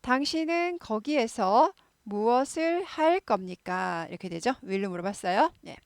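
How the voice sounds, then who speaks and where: A woman's voice: fairly high pitch, expressive, measured pace, no room sound. Chatty woman teaching English phrases. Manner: chatty, many filler "네" and "예" affirmations, repeats words for pronunciation drills. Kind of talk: casual explanatory lesson.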